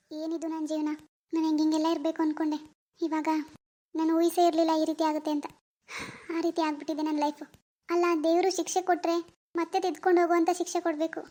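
A performer voicing a grieving young wife, weary and bitter after losing her baby, in an animated drama. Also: extremely high pitch, fast, pauses often. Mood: despairing. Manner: weary, bitter and self-pitying.

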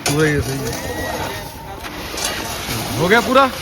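A man's voice: fairly high pitch, very animated, unhurried. A man with a Punjabi accent, a farmer narrating a casual vlog outdoors and chatting with those around him. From Punjab, India. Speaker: farmer and vlogger. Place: outdoors at a grain market. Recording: outdoor recording with loud engine noise. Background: loud vehicle engines and outdoor ambience.

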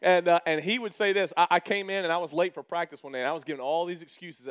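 Man, pastor, high-pitched voice, lively sermon, calls out to the crowd, slows for emphasis, church hall. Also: clean tone. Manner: lively preaching with call-outs to the congregation; slows down to stress key phrases.

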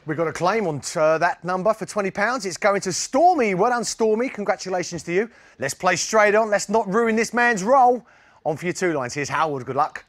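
A man's voice: sits high, expressive, fairly quick, fairly bright tone. A middle-aged man presenting a live TV bingo show in an upbeat game show style. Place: TV studio.

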